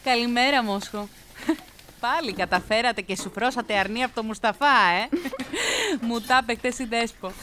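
A woman voices a gentle village mother, fond and a little teasing, with her voice sitting a bit high. There's a noisy hiss behind her in this children's radio drama. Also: close to an everyday voice. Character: warm caring village mother.

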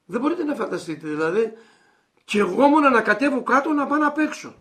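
A man's voice: very high voice, animated, fairly bright tone. An older man reminiscing earnestly as an interviewee, hesitating as he searches for words. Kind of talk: nostalgic reminiscing.

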